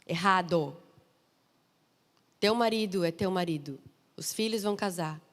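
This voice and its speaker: A woman missionary preacher with a Brazilian Portuguese accent, delivering a sermon with lively, humorous storytelling and emphatic asides. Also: on the low side, a little slow. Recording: long reverb of a large hall.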